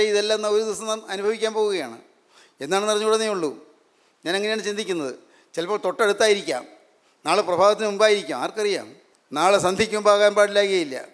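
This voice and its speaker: A man's voice: high voice, a bit bright. A man preaching a sermon, emphatic and repetitive, full of rhetorical questions. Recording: long hall reverb.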